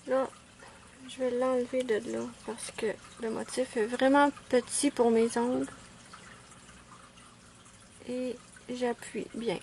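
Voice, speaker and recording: A woman chatting casually at home through a nail art tutorial, self-mocking and quick to apologize. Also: on the high side, darkish tone, a little hiss or hum.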